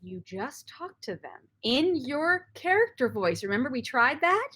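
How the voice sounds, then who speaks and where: A woman's voice: high-pitched, very animated, a little slow, a bit bright, breathy edge. A woman improvising as a bossy, exasperated game master in a comedy scene, sometimes dropping to a whisper.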